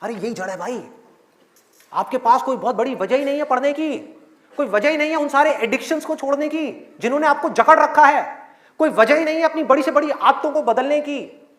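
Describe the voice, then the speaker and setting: A motivational speaker with an extremely high pitch, a slightly fast pace, and a fairly bright tone speaks to students in a large hall. He asks rhetorical questions and dramatizes their inner voices, with echo and a faint crowd in the background.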